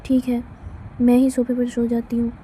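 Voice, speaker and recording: A woman's voice: on the high side, completely flat delivery, moderate pace, mellow, slight background noise, natural voice. A woman voicing a hurt, short-tempered young woman who talks in curt, scolding lines. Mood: irritated.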